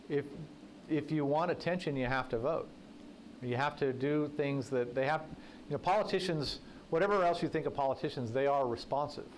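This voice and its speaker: A political journalist, invited as a guest speaker, chats with a breakfast crowd in an event room, telling folksy anecdotes and tossing in jokes. His voice is medium in pitch and somewhat dark. The recording is low quality, with faint hiss or hum.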